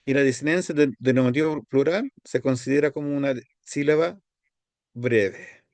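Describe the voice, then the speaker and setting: A male teacher talks through a Greek grammar lesson. He goes step by step and repeats each word form slowly. The sound is dry and close, with no room echo. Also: mid-range voice, a little mellow. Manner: explains step by step, repeats words slowly, pauses to find his page.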